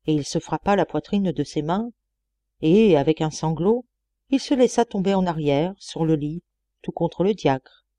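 A woman narrates a literary audiobook with measured, expressive reading. Her voice is mellow and warm, recorded dry and close. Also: low voice, dry recording. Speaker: audiobook reader.

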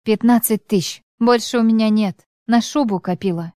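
Brief: scornful ex-wife around forty, read by a woman narrator, snapping lines, smooth tone, dry recording. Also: a little high, normal speed, dark tone, no room sound, close to an everyday voice. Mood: scornful, bitter. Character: bitter, sharp-tongued ex-wife around forty.

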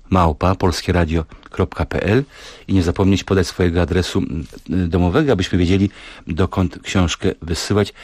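A man hosting a radio interview, talking in a measured way and often hesitating as he looks for words. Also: sits low, husky, no echo. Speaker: radio host. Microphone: studio microphone.

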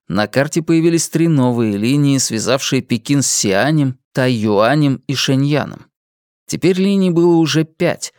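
A narrator reading an audiobook in an even, measured way. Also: medium pitch, dry recording, clean studio sound.

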